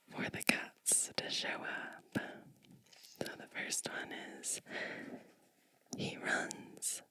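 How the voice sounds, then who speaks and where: Close to the microphone, a woman whispers gently and breathily, reading a storybook aloud ASMR-style. Her delivery is slow, gentle, and hushed, with chatty asides mixed in.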